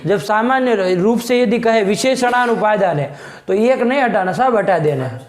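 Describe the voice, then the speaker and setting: A man teaching a classroom lesson, quizzing his students, making them repeat, and scolding the slow ones. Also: high voice, animated, echoey room. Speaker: Sanskrit logic teacher.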